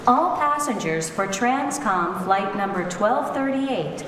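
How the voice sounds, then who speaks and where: A woman playing a formal airline gate announcer, making a deliberate scripted boarding call over the intercom. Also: medium pitch, lively intonation, a bit bright. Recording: echoey public hall, long reverb, noisy.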